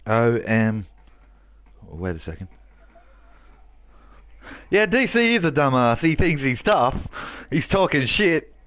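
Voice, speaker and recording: A man's voice: medium pitch, very animated, takes it slowly, long pauses, a bit bright. A man live-streaming a game, brash and trash-talking, swearing and mocking a heckler.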